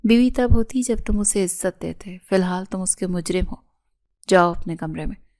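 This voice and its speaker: A woman's voice: fairly low pitch, darkish tone, natural voice. A woman reading the lines of a stern, sarcastic older head of the family.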